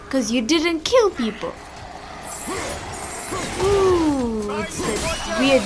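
High-voiced woman narrating her gameplay slowly. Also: noisy background. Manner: rambling, self-mocking, exclaims and mutters. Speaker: gamer streaming gameplay. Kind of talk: self-deprecating gameplay commentary. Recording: game music playing behind.

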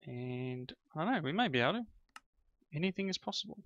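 A middle-aged man who hosts a gaming channel plays a game with his children, chatting casually and praising them as he goes. His voice is fairly high, very animated and fairly quick, with a fairly bright tone. The recording is dry, with a slightly dull lo-fi sound.

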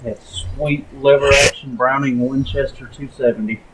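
A man's voice: mid-range voice, fairly even intonation, moderate pace, very noisy. A man in his mid twenties, co-hosting a casual gameplay chat in a talkative, rambling way. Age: 20s. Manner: talkative, rambling, laughs often. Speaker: gaming channel co-host.

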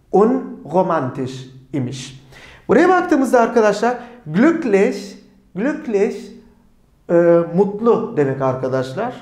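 Male teacher, slow and patient, high and lively pitch, repeats each word in drills. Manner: drills each word twice, asks and answers his own questions. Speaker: German language teacher. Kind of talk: slow, repetitive language lesson. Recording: echoey room.

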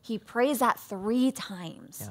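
A woman's voice: on the high side, expressive, drawn-out words, fairly bright tone, a little hiss or hum. A woman preaching heartfelt and candid in a conversational sermon with her husband. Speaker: pastor.

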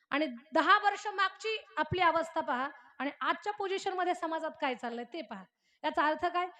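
A woman preaching a devotional kirtan sermon. She moves between brisk storytelling, rhetorical questions and homely humour, and slow, drawn-out chanting of verses. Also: high voice, bright, forceful tone.

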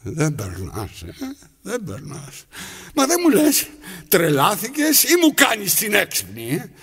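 A man's voice: mid-range voice, very animated, creaky, slightly rough, full character voice. An actor playing an aging, lonely man who talks to himself and his needle while mending his trousers, coaxing one moment and scolding the next. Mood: rambling. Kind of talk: theatrical monologue.

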